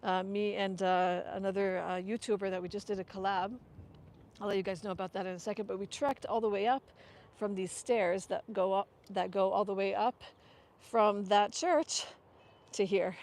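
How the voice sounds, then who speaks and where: A woman's voice: mid-range voice, steady tone, moderate pace, a little mellow. A woman hosting a casual live tour outdoors on a windy hilltop, rambling with many fillers while her mic crackles and cuts out. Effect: mic cutting out with crackly dropouts. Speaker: livestream host. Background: faint wind noise.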